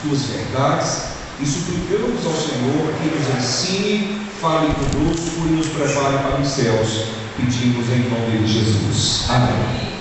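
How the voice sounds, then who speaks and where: In an echoey church sanctuary, far from the microphone and against a noisy background, a thirtyish pastor from Maceió, Brazil, preaches to his congregation. His Brazilian Portuguese carries an Alagoas accent, and his mid-range voice moves a little slowly in an earnest, direct manner.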